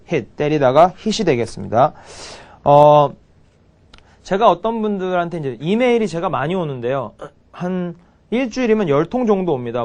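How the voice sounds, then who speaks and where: 활기찬 억양의 남자 영어 강사. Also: male voice, on the high side, darkish tone. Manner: repeats sample sentences slowly, blunt and chatty. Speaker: English teacher. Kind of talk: spoken English lesson with drills.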